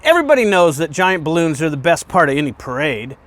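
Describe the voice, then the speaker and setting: As a guest reader, a fire department deputy chief with a fairly high voice reads a picture book to children. He speaks very animatedly, his pitch swinging widely, posing questions to the kids and pausing emphatically to set off key phrases.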